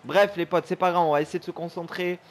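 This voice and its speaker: A young man commentating his own gameplay for viewers, excitable and chummy, swearing and shouting at the game. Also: sits high, fast talker, a little hiss or hum. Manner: chummy, keeps calling viewers his pals. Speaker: gaming YouTuber.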